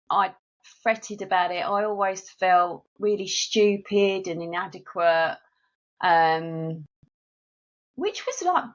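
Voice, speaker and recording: Heard through dull audio, a middle-aged woman with a mid-range voice and a South East London accent tells stories in an easygoing, sociable manner. She's a marketing agency director guesting on a casual interview podcast.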